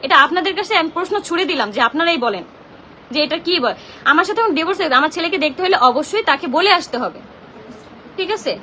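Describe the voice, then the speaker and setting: High-pitched, fast, agitated Bangladeshi woman. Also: lively intonation, pushed and bright, a little hiss or hum. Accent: Bangladeshi Bengali. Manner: agitated, confrontational, rapid complaining. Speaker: social media livestreamer. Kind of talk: emotional live-stream rant.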